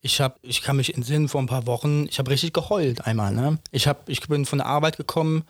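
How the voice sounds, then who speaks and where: A man's voice: mid-range voice, quick pace, dry recording, studio quality. A man in his thirties co-hosting a podcast, talking bluntly and emphatically in casual chat, firing off rhetorical questions and tagging his points with "ne?". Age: 30s. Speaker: podcast co-host.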